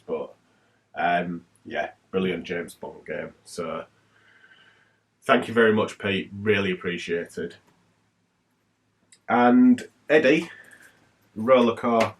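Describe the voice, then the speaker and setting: A man with a lowish voice talks through his gaming pickups in a loose, rambling way, full of ums and asides. He sits a little back from the mic, so the sound is slightly distant. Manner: chatty and rambling, with many fillers. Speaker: retro gaming YouTuber. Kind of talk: casual haul vlog talk.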